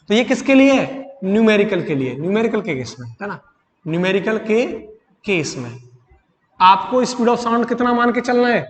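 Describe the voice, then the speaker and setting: A man with a fairly high voice teaches physics in a Hindi accent. He keeps asking the class to repeat each key term and stretches the important words out slowly. The sound rings with a long echo from the classroom walls. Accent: Hindi-accented English. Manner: drawls out key terms slowly. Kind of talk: classroom lecture. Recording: echoey classroom, reverberant.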